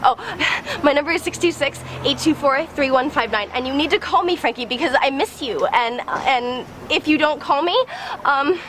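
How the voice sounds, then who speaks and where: A high-pitched young woman gushes breathlessly in an interview. She giggles and trips over her words like a devoted fan. Steady background noise fills the recording. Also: moderate pace. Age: 20s. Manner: gushing, giggly, breathless superfan talk.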